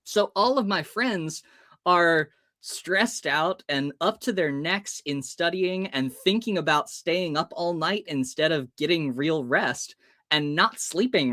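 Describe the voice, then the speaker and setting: Pitched on the high side, his voice comes across pushed and bright, expressive yet unhurried. He's an American guy in his early thirties on a podcast, animatedly recounting personal stories and dramatizing lines of dialogue as he goes.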